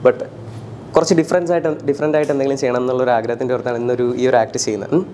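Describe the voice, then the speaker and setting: A man performing mentalism for people on the street, talking in a calm, coaxing way and repeating soothing instructions. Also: mid-range voice, rapid-fire, slight background noise. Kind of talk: street performance patter with spectators. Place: outdoors in public.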